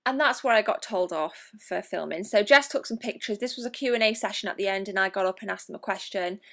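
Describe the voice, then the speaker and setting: A woman's voice: mid-range voice, fast talker, creaky, fairly bright tone. Chatty young woman vlogging. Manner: chatty and enthusiastic, with frequent ums and mild swearing. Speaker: gaming vlogger. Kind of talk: casual vlog narration.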